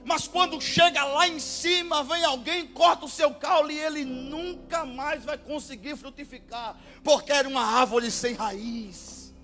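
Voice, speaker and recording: A male pastor with a Brazilian Portuguese accent delivers an impassioned sermon. His voice sits very high and rings bright and sharp, and he often breaks into shouted exclamations over faint music. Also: unhurried.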